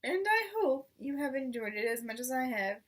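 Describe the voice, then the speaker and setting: A woman's voice: sits high, big pitch swings, moderate pace, fairly bright tone, far from the mic, full character voice. A woman voicing a proud male fox leader giving an emphatic speech in a children's storybook. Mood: pleased, ceremonious.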